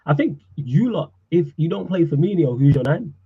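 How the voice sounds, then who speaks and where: A man's voice: fairly high pitch, expressive, moderate pace, narrow, tinny audio, a crowd in the background. A man joining a casual football chat as a guest, laid-back and quizzing his co-host.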